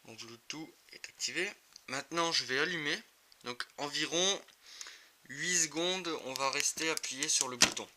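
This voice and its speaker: With a slightly high voice at a moderate pace, a man demonstrates motorcycle gear hands-on for a video. He sounds casual, improvised and somewhat hesitant, and the amateur recording is clearly noisy.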